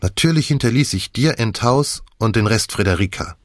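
A man's voice: lowish voice, expressive, normal speed, dry recording, studio quality, lightly acted. A man voicing a bold, self-assured young woman who speaks with cool reproach, in an audiobook.

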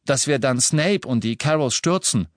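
For an audiobook, a man voices an earnest, determined teenage boy at a mid-range pitch, a bit above his own voice but close to an everyday one. His intonation is lively and his speed normal, with studio-quality sound and no room noise.

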